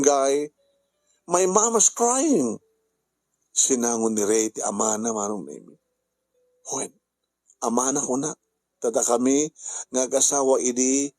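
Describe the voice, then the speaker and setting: An Ilocano-accented man narrates a letter-drama at a slow, unhurried pace. His voice is husky and the recording is dry, with faint music playing underneath. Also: medium pitch, a little mellow, dry recording.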